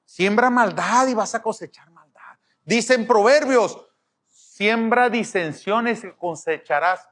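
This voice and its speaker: A middle-aged pastor preaches to his congregation, his voice sitting high for a man. He is emphatic and keeps asking the room rhetorical questions. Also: a bit bright.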